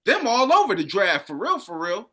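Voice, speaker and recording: A man with a bright, fairly high voice hosts a casual sports chat. He talks in a relaxed, agreeable way and repeats his phrases for emphasis. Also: moderate pace.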